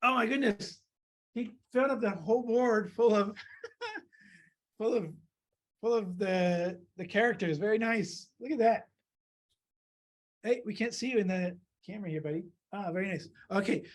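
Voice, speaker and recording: A woman reading a children's story aloud and drawing along, lively and laughing, jumping into small character voices. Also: mid-range voice, moderate pace. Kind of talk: storytime read-aloud for kids.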